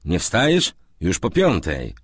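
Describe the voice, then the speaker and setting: A man's voice: low-pitched, wildly swooping pitch, slow pace, breathy edge, no room sound, clean studio sound, heavily acted. A man doing a surly quarrelsome young man.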